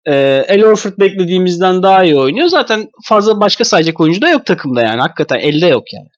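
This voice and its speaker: This podcast commentator, thick-voiced from a cold, chats about basketball in a rambling, casual way. His high voice swings widely in pitch and he talks quickly. There's no echo, and the sound is dull.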